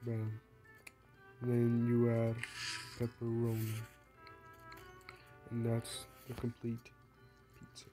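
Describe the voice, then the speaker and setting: A man's voice: medium pitch, monotone, slow, long pauses, mellow, faint music behind. A young man who is sick, casually narrating his game in a rambling, playful, self-mocking way. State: sick, coughing. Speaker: gaming vlogger. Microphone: phone screen recording.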